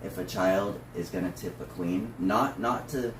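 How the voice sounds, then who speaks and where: A man's voice: deep voice, measured pace. A man who is a drag performer, talking casually through notes in a discussion. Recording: roomy, distant mic with faint noise.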